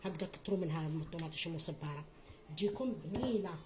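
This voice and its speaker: A woman's voice: lowish voice, racing, noisy background. A middle-aged woman with an Algerian Arabic accent giving a home cooking tutorial, chatty and motherly, calling viewers her children and adding blessings. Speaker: home cook.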